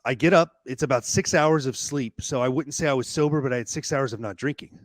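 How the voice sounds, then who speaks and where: A middle-aged man tells his story as a podcast guest, candid and halting, often restarting a phrase. His voice sits at an ordinary pitch. The sound is dry and close. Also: no room sound. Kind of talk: personal storytelling in a podcast interview.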